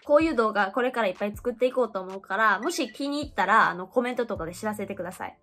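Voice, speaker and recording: A woman teaching English, who repeats each travel phrase clearly for practice and speaks fast and chatty. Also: mid-range voice, animated, a bit bright, faint music behind. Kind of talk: phrase repetition drill and lesson.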